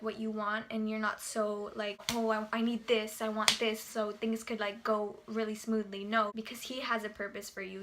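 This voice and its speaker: A young woman talks straight to her camera in a relaxed vlog, earnest and full of filler words. Her voice sits a little high and rings bright and forward. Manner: earnest, chatty, heavy use of fillers like "you know" and "like". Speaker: vlogger. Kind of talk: casual talking-to-camera vlog.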